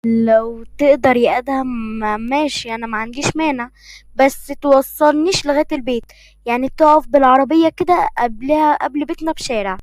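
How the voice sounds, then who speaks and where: A woman's voice: sits high, no room sound, natural voice. A woman playing Rawan, a nervous young woman. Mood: anxious. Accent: Egyptian. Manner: anxious, hurried. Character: sweet young woman, nervous about her strict father.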